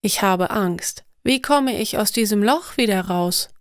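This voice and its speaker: A woman voicing a frightened, annoyed young boy with high, loud exclamations in a story reading. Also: a little slow, no echo, studio quality, close to an everyday voice. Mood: scared.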